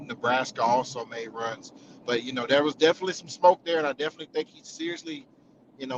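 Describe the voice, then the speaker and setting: A man giving live recruiting commentary as a guest analyst, talking in a loose, conversational way. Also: mid-range voice. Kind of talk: live sports interview commentary. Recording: dull, noisy remote connection with vehicle ambience.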